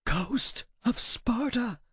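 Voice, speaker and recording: A man voicing a terrified, cornered male scribe who rasps and pleads in a frantic, near-shouting voice. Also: very high-pitched, takes it slowly, no echo, studio quality, voice pushed up, full character voice. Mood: frightened. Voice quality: raspy.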